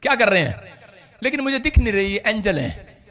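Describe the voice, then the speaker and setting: A man preaching a sermon as pastor, swinging from loud shouts to hushed storytelling, with a congregation around him. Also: sits high, big pitch swings, brisk.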